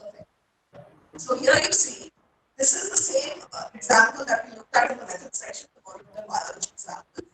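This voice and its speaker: A woman's voice: high-pitched, wildly swooping pitch, a little fast, pushed and bright, reverberant, far from the mic, slight background noise. Woman lecturing over a distorted phone mic. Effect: distorted, breaking-up phone mic. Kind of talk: online lecture on research writing.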